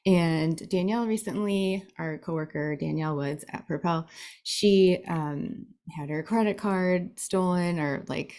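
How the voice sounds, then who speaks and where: A woman's voice: on the low side, a little slow, mellow. A woman co-hosting a podcast in casual chat, talking in a rambling way with many likes. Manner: conversational, rambling with 'like' fillers. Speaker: co-host, financial advisor.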